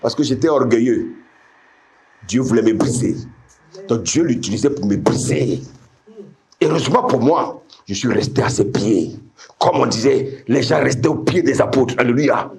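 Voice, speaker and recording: A middle-aged man preaching a sermon with passion, repeating phrases, dropping to low asides and climbing to high shouted refrains while calling out to his congregation. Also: lively intonation, moderate pace, gravelly, a little hiss or hum. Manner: addresses the congregation directly with call-and-response.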